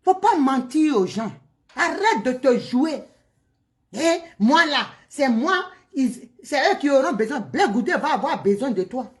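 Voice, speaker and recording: A woman in a heated, mocking rant to the camera, swinging from loud outbursts to hushed asides. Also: high-pitched, big pitch swings, measured pace.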